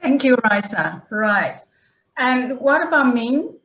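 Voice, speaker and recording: A woman's voice: sits high, very animated, a bit bright. Roomy-sounding woman hosting a webinar. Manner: halting, strings of "you know" and restarts. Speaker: webinar host. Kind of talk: moderating an online panel. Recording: roomy echo.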